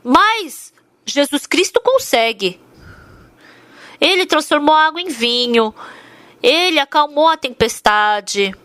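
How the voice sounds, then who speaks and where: A woman's voice: sits high, lively intonation, takes it slowly, long pauses, fairly bright tone, dry recording. A woman interpreting a sermon, telling its story earnestly and with emphasis.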